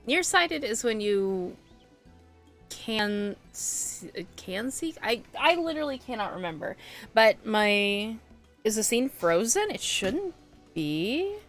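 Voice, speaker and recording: A woman's voice: a little high, big pitch swings, slow, long pauses, fairly bright tone, faint music behind. A young woman streamer chatting casually on a live stream, venting in frustrated, swearing rants.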